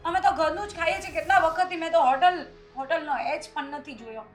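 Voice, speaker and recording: A woman plays a timid, placating daughter-in-law. Her voice is high, and she speaks hesitantly, stumbling over her words. Faint music plays underneath. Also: a little fast. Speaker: actor in a short film. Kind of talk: family drama acting.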